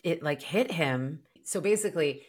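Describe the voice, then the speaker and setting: A woman's voice: low voice, animated, normal speed, slightly rough. A woman co-hosting a dating podcast, reflecting in casual chat with many fillers. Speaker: podcast co-host, dating coach.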